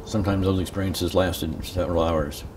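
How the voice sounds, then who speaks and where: Deep-voiced old veteran man remembering. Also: steady tone, moderate pace. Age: older. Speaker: military veteran interviewee. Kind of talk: interview reminiscence. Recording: distant mic, clear background noise.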